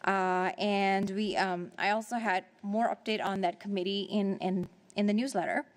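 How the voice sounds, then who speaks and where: A woman presiding over a city council meeting, reporting on her committee work in a halting way with many fillers and restarts, and out of breath. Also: medium pitch, steady tone.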